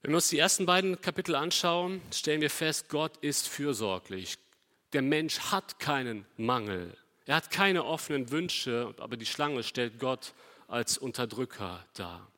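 A man preaching a sermon, emphatic, asking the congregation rhetorical questions and swinging between loud stresses and quiet passages. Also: medium pitch, lively intonation, measured pace, in a large hall.

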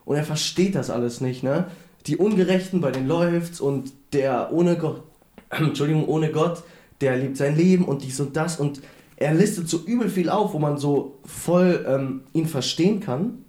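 Young man with roomy, mellow voice. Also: on the high side, moderate pace. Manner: enthusiastic, youthful slang. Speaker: podcast co-host.

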